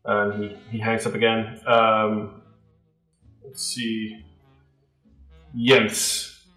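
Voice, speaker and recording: A man narrating a tabletop game as game master, with a halting delivery full of fillers. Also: lowish voice, completely flat delivery, a bit bright, roomy sound, soft background music, poor audio.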